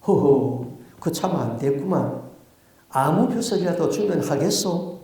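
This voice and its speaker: A man voicing an old Korean king in disguise who speaks low, hushed and unhurried, in a very echoey church hall. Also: lively intonation. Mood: amused, probing.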